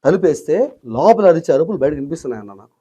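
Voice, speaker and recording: A young man, a guest in an interview, telling an emotional story fast and in an agitated way, acting out the voices of the people he quotes. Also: on the high side, big pitch swings, mellow, slightly rough.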